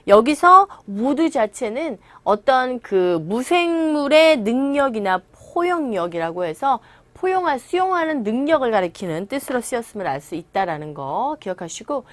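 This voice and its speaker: Young woman, English lecture, slow careful example reading, lively high voice, dry close sound. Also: dry recording. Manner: explanatory, reads English examples slowly. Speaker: English teacher. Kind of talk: recorded language lecture.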